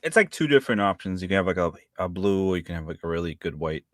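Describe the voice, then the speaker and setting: A man's voice: low-pitched, lively intonation, quick pace, no room sound, studio quality. A man in his thirties chatting casually as a co-host, rambling and hesitant with many fillers. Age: 30s. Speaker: live-stream co-host. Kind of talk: casual chat.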